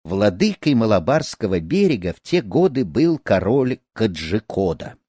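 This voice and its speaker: A man's voice: fairly low pitch, normal speed, husky, dry recording, clean studio sound. A man narrating a folk tale, telling it expressively to listeners. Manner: expressive, animated storyteller.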